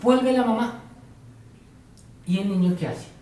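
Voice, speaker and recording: A man's voice: sits high, unhurried, a little mellow. A man teaching a psychology class, asking his students questions and repeating their answers. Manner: tells examples step by step, now and then playing a teacher or patient. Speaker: psychology lecturer. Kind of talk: classroom lecture. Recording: very echoey room, voice from far off.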